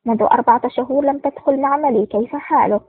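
A woman's voice: sits high, fast talker, breathy edge, no echo. A woman voicing a cheerful, teasing plump male lab technician in an audiobook. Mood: jovial. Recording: tinny phone-like sound.

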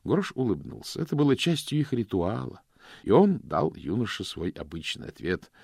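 A man narrating an audiobook in a measured, low-voiced manner. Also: big pitch swings, gravelly, darkish tone, slightly rough, no echo, clean studio sound. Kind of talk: scripted narration.

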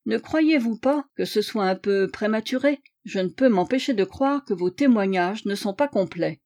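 A woman's voice: medium pitch, animated, moderate pace, darkish tone, close to an everyday voice. A woman voicing Sherlock Holmes as a shrewd, playful male detective in an audiobook, courteous and wry. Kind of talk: audiobook character reading.

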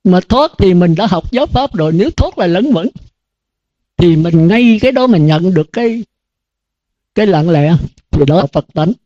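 A man's voice: sits high, expressive, normal speed, long pauses, mellow, no room sound. An older man, a Buddhist monk, giving a dharma talk to students in an earnest, repetitive cadence full of rhetorical questions. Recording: dull lo-fi dry recording.

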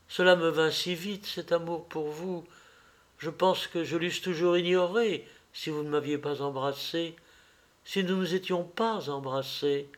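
A man voicing a heartbroken young actress who pleads with her lover in a soft, tearful voice, in a read-aloud novel. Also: fairly high pitch, voice pushed up.

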